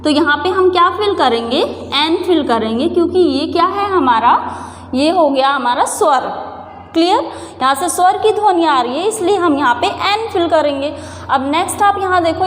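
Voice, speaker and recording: High-voiced woman teaching in an echoey room. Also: a little hiss or hum. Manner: patient, repeats questions to the viewer and answers them. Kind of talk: explaining a grammar lesson.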